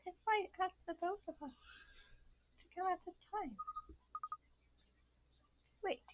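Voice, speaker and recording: A woman voicing a calm, teasing young lady detective in a video game. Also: extremely high pitch, takes it slowly. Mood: composed. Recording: thin phone-like sound, music behind.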